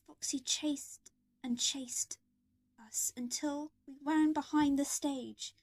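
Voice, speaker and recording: High-voiced woman telling a fan story. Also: darkish tone. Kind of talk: first-person fan story narration.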